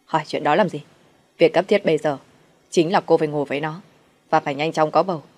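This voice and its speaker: A woman's voice: low-pitched, steady tone, fast, darkish tone. Woman voicing a harsh bossy mother-in-law. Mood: scolding. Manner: scolding, commanding. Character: harsh scheming middle-aged mother-in-law.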